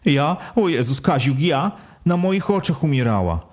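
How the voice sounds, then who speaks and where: A man's voice: a little high, sing-song, moderate pace, darkish tone, pitched above the performer's own voice. A man voicing a grieving young village wife in an audiobook, lamenting and pleading in a plaintive voice. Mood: desperate.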